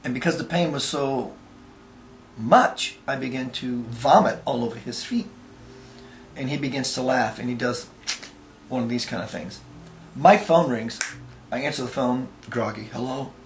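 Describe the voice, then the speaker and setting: A man's voice: mid-range voice, normal speed, long pauses, echoey room, a little hiss or hum. Earnest man telling a personal story.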